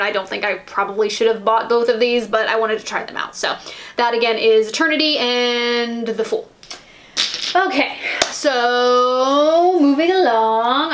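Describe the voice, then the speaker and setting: A woman's voice: fairly high pitch, fairly bright tone. An American woman chatting casually about nail polish, rambling, with lots of ums and restarts. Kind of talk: casual haul chat.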